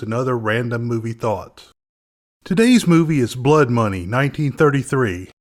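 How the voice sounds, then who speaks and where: A man hosting a casual movie review podcast in a wry, joking way. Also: mid-range voice. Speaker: podcast host.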